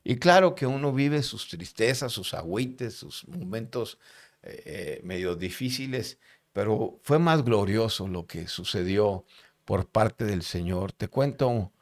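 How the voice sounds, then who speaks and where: A man's voice: on the low side, animated. Mexican man telling a personal testimony. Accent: Mexican Spanish. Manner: halting, with many repeated words; casual slangy storytelling. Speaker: podcast guest.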